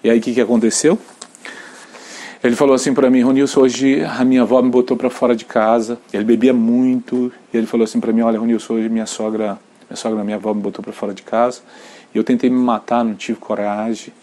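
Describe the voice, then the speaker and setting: A Brazilian man, a pastor, preaching an earnest sermon, sometimes dropping to a near whisper and sometimes rising to loud emphatic peaks. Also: mid-range voice, little pitch movement, fast talker.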